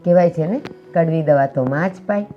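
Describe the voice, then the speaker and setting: An actress playing a kind older mother-in-law who gently gives advice, in a short drama. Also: low voice, a little fast, phone-quality sound, soft background music, natural voice. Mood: gentle. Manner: gentle, advising.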